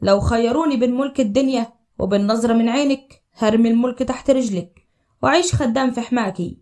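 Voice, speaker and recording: Lady putting on a deep-ish upper egyptian young husband, earnest and tender, brisk storybook drama. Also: dark tone, lightly acted. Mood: ardent. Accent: Upper Egyptian Arabic. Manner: low, earnest, tender declarations.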